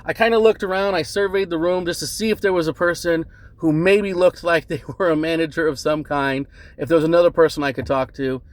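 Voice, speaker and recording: A man calmly recounting a bad encounter as a customer, earnest and measured, often adding "right?" and "um". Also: on the high side, dry recording. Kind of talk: casual spoken account to camera.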